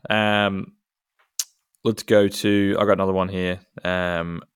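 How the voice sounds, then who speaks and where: A man's voice: deep voice, flat delivery, takes it slowly, clean tone, no room sound, studio quality. A man co-hosting a casual podcast, keen and teasing, calling his friend mate. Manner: enthusiastic, teasing, says mate a lot. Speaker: podcast co-host. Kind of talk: casual chat.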